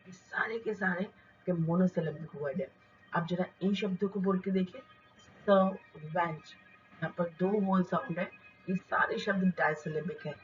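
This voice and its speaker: A woman teaching English pronunciation, reading words slowly and explaining in Hindi mixed with English terms. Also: on the low side, dull audio, soft background music. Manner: slow, deliberate word-by-word reading. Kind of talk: lesson.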